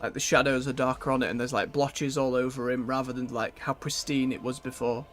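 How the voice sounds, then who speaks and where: A man streaming a fantasy game, giving chatty, animated commentary with quick asides. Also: mid-range voice. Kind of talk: casual live-stream commentary.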